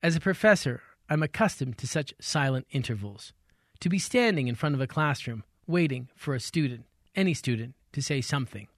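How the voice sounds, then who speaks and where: A man hosting a radio show and narrating a personal story in a wry, measured way. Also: medium pitch, lively intonation, no room sound, clean studio sound.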